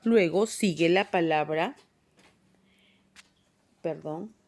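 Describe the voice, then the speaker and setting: A woman's voice: on the low side, drawn-out words, darkish tone. A woman teaching a grammar lesson, explaining patiently step by step and checking in with short tag questions. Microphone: phone voice recorder.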